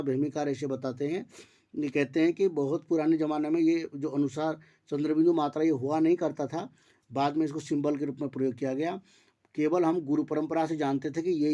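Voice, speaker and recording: A male teacher giving an online grammar lesson, his voice sitting a little high yet soft and mellow in tone. He walks through each rule by posing questions and answering them himself. He recites the sutras slowly, syllable by syllable. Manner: explains step by step, asks and answers his own questions.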